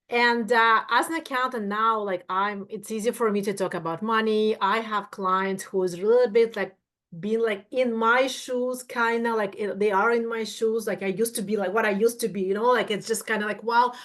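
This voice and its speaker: A woman's voice: mid-range voice, fairly bright tone. Chatty Russian-accented woman. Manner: chatty, many fillers and restarts. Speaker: guest accountant. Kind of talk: livestream interview.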